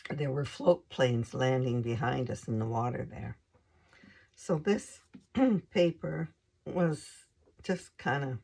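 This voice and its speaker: A hoarse, low-voiced woman with a darkish tone hosts a craft channel. She casually shows off her scrapbook pages, taking her time and hesitating often with plenty of ums.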